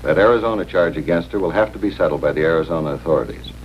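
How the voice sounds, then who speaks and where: Brisk, low-voiced 1950s TV cop; quick and matter-of-fact, with a dull, hissy old broadcast sound. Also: male voice. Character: confident middle-aged male police detective. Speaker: police detective. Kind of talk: 1950s TV drama acting.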